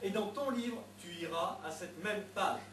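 A man's voice: high-pitched, unhurried, recorded from a distance, background noise. A man performing a mentalist act on a theatre stage, coaxing and teasing spectators with playful patter. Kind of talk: live stage patter with audience. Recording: echoey theatre recorded from afar.

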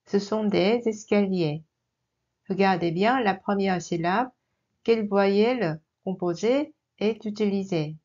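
Woman language teacher, very slow and careful, mid pitch, slightly muffled lo-fi recording. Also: a little mellow. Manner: repeats each word slowly and clearly. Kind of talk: slow, deliberate vocabulary dictation lesson. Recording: slightly dull lo-fi sound.

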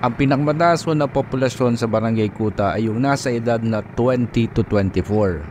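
A man from the Philippines, a vlogger narrating a road trip in an even, polite voice over clearly audible street and vehicle noise. He reads out figures and facts in an informative, unhurried way. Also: medium pitch.

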